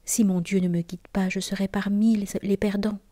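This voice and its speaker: A woman voicing the prophet Abraham, an earnest, devout older man, in a soft, half-whispered way. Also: mid-range voice, little pitch movement, normal speed, no echo, studio quality, close to an everyday voice.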